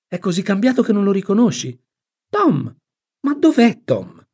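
A man's voice: fairly high pitch, lively intonation, moderate pace, darkish tone, breathy edge. A man voicing an exasperated, flustered storybook aunt who sputters and scolds. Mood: bewildered.

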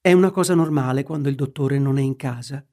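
A man voicing a composed, courteous middle-aged lawyer in a measured tone. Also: medium pitch, darkish tone, close to an everyday voice. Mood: inquiring.

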